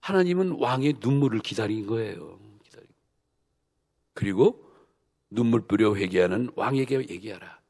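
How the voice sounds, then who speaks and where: Emphatic Korean pastor preaching. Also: male voice, expressive, normal speed, gravelly, pauses often. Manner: emphatic preaching with rhetorical questions to the congregation; swings from soft low asides to loud bursts. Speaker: senior pastor. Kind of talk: sermon. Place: church sanctuary.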